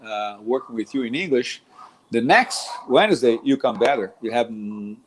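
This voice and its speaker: Over a rough recording with a little hiss or hum, a Brazilian man in middle age speaks at medium pitch and a moderate pace. He's a jiu-jitsu instructor musing loosely on teaching in a Brazilian Portuguese accent, with many restarts and plenty of "man."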